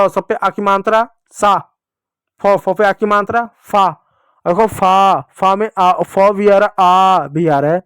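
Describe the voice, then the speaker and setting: A man gives a patient, slow lesson to small children, sounding out each letter and repeating it. His voice sits high for a man and comes through smooth and clear. The recording is close and dry, with no room sound. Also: fairly bright tone, no room sound. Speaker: teacher. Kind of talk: children's Hindi alphabet lesson.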